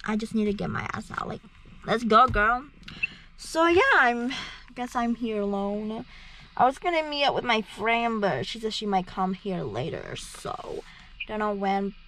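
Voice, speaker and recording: A woman's voice: medium pitch, a bit bright. A young woman chatting casually to a handheld phone camera, rambling with lots of fillers. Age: young adult. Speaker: vlogger. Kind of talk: casual vlog chat. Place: small bedroom and parked car. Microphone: phone camera at arm's length.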